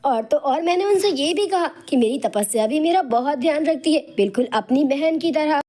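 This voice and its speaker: A woman's voice: high-pitched, expressive, normal speed, pitched above the performer's own voice. A woman voicing a meek orphan girl pleading. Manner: pleading, soft, timid. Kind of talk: animated storybook voice acting.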